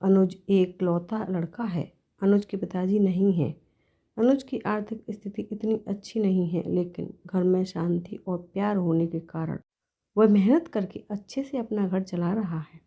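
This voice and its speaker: A woman's voice: medium pitch, a little slow, breathy edge, highs cut off. A woman storyteller reading an emotional family story aloud in a plain, earnest way.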